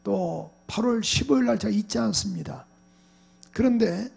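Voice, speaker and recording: A middle-aged male pastor preaching a sermon, telling a personal story in a quiet voice and then breaking into loud, shouted exhortation. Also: sits high. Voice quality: gravelly, husky voice.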